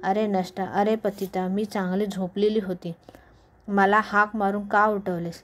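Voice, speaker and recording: A woman's voice: medium pitch, little pitch movement, unhurried, lightly acted. A woman reading as a wrathful ancient goddess. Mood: furious. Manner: scolding, contemptuous. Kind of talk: devotional scripture reading.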